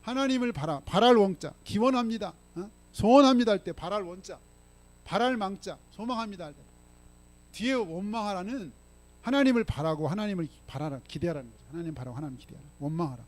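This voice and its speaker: Brisk and expressive, a high-pitched male pastor preaches in a church sanctuary, forcefully reading scripture aloud. He prods his congregation with frequent questions, often tossing out rhetorical "응?" and "예?" prompts.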